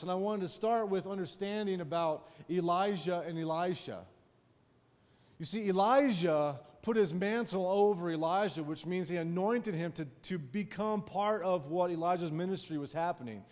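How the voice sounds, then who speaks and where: A man's voice: high-pitched, moderate pace, a little mellow, in a large hall. A man preaching a sermon, telling a personal story in a folksy way with frequent "right?" asides. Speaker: pastor.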